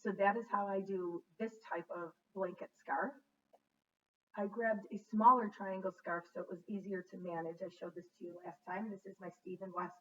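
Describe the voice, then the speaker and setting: A woman's voice: medium pitch, fairly bright tone. A middle-aged woman who hosts a knitting podcast, chatting casually and rambling as she shows her things, often correcting herself mid-word. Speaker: knitting podcast host and teacher. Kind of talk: casual show-and-tell chat. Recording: distant, dull sound with faint background noise.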